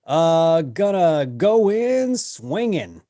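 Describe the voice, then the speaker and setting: A man's voice: fairly high pitch, sing-song, extremely slow, warm tone, no echo, studio quality. A man chatting casually as a player in a tabletop role-playing game.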